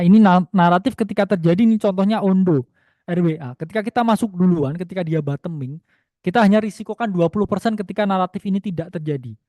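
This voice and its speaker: Brief: man, slightly high voice, dark mellow tone, casual webinar lecturer, dry close mic. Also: no room sound. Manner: chatty, repeats "ya", mixes in English phrases. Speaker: crypto trading webinar presenter. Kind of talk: casual spoken webinar lesson.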